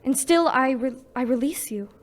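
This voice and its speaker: A woman playing Belle in a live radio play, soft and earnest. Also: high-pitched, moderate pace, close to an everyday voice. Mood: sorrowful. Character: young woman Belle, gentle and heartbroken.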